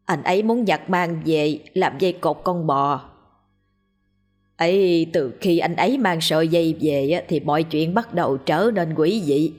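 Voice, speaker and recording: A woman's voice: deep voice, a little slow, a little mellow, faint music behind. A woman voicing a grieving village wife who pleads with the elders humbly and tearfully. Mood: recounting.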